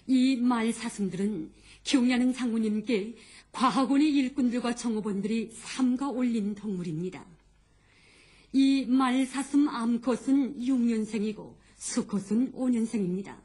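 Female announcer, North Korean accent, higher-set voice. Scripted news narration, formal and measured. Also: darkish tone.

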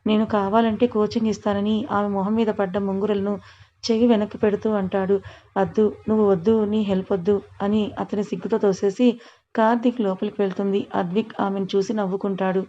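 A woman reads a serialized romance story aloud, calm and steady. Her pitch stays flat and narrow. The recording sounds a little dull and lo-fi. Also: a little fast.

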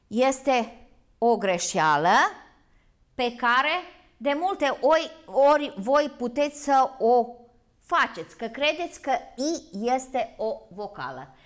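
A woman from Vojvodina with a local Romanian accent, teaching a school grammar lesson in a slow, deliberate way. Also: high-pitched. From Vojvodina, Serbia. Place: broadcast TV lesson.

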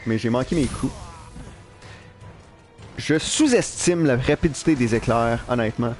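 A young man with a Quebec French accent giving live gameplay commentary in an animated, self-mocking way, swearing casually. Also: medium pitch, unhurried, faint music behind. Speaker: live streamer. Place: at work.

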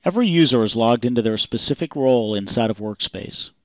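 A man calmly reading a scripted software demonstration voice-over in an even, explanatory way. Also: mid-range voice, a little fast, dry recording. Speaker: software demo narrator. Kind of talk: scripted product demo narration.

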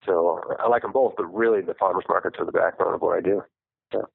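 A man's voice: sits low, steady tone, quick pace, creaky, husky, dry recording. Man talking on a flip phone call. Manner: rambling, self-correcting, laughs often. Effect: talking over a flip phone call. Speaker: guest farmer. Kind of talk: casual interview chat. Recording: dry phone-call audio.

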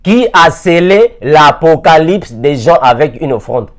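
A man in his forties teaches on video from an armchair in an indoor room, throwing rhetorical questions at his listeners. He is a preacher wearing a lapel mic, and his voice sits a little high, expressive and measured in pace.

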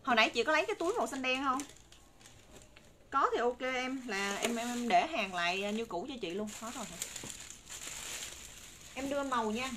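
Speaking into a phone held a short distance away, a Southern Vietnamese woman in her thirties runs a live-stream shop from an indoor room with curtains and bagged stock. Her voice is a little high, with lively intonation and a moderate pace, and she pauses often while delivering persuasive, repetitive sales patter to viewers. The phone recording picks up a noisy room.

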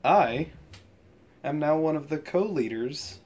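This young adult vlogger chats casually into an arm's-length phone, his voice a little high, mellow and expressive, his pace slow. He records at home, in the car and outside, and background noise is clearly present.

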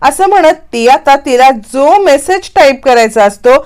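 A woman's voice: high voice, a little slow. A woman casually retells a TV serial episode, acting out the characters' lines as she goes. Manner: lively storytelling, acting out characters' lines in quotes. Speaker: serial recap narrator.

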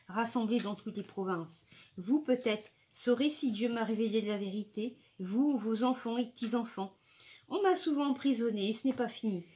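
A woman's voice: a little high, darkish tone, natural voice. A woman reading the lines of a fervent visionary monk with solemn, impassioned preaching.

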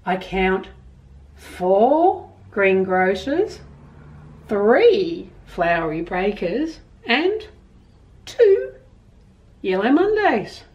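Speaking very slowly with frequent pauses, a middle-aged Australian woman at medium pitch presents storytime from a small room at home, reading and explaining to young children expressively and emphatically. She is recorded from a distance, and the highs are cut off.

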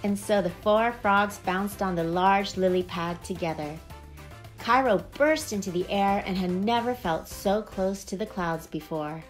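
Gentle woman reading a children's book. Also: medium pitch, unhurried, soft background music. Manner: gentle, expressive storytelling. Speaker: storybook reader. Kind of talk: children's book read-aloud.

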